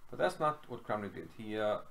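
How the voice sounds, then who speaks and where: A man's voice: on the low side, very animated, a little fast, gravelly, fairly bright tone. A middle-aged man from Iceland casually talking through a chess game at home, thinking aloud with lots of fillers. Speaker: chess commentator. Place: small room at home.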